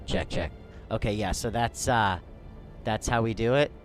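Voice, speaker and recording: A fairly low-voiced man casually chatting on a live game stream, rambling and restarting his sentences with a slightly dry throat. Soft music plays faintly underneath. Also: normal speed.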